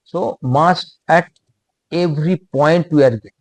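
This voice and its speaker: Male lecturer with an Indian English accent, slow and halting, slightly high voice, dry close sound. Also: no echo. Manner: slow, halting, repeats phrases.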